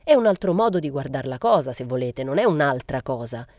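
A woman's voice: a bass voice, sing-song, a little fast, a little mellow, dry recording, studio quality. A woman reading the part of a smug, sneering young male painter who lectures from his bed.

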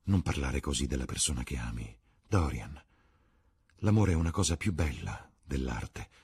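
A man voicing a gentle, earnest painter who speaks in soft, pleading tones in a storybook reading. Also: extremely low pitch, expressive, normal speed, slightly rough, no room sound, studio quality, full character voice.

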